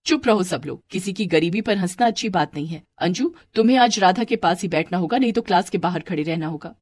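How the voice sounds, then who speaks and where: A woman's voice: fairly low pitch, animated, brisk, darkish tone. A woman voicing a class teacher who scolds the class firmly. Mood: stern. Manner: firm, scolding. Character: stern fair class teacher.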